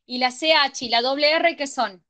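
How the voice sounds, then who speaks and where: A woman tutors a grammar class, her voice high and bright. She moves through examples step by step and keeps checking that her students are following. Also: normal speed. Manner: checks understanding with frequent ¿sí? and ¿estamos?.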